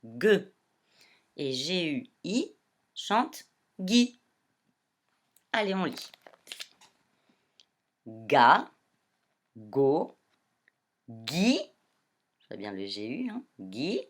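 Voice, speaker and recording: A woman primary school teacher giving a reading lesson to young children, speaking slowly and clearly as she addresses them. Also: fairly low pitch, very animated.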